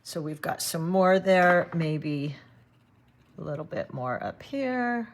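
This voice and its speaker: A woman giving a relaxed watercolor painting demonstration, thinking aloud as she works and chatting to her viewers. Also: on the low side, slow pace. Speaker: watercolor art teacher.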